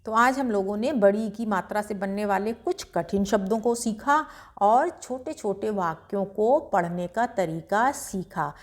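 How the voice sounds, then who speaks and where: A woman teaching beginners to read Hindi, sounding each word out slowly before explaining it briskly. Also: mid-range voice. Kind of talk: slow syllable-by-syllable reading lesson.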